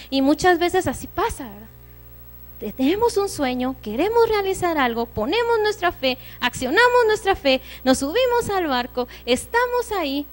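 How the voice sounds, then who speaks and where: A woman giving a church sermon, preaching earnestly and conversationally with personal stories. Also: high-pitched.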